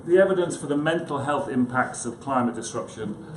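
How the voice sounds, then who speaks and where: In a conference room with echo and obvious background noise, a male psychiatrist delivers an informal, hesitant talk full of self-deprecation and chatty asides to the audience. His mid-range voice is brisk and animated.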